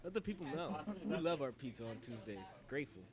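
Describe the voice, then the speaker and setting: A man's voice: mid-range voice, big pitch swings, fast, crowd noise. Man, casual stream host, joking, rambling, people chattering in the room behind. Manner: laid-back, joking, rambling. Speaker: host and commentator. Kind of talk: casual live-stream commentary. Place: glassblowing studio with people around.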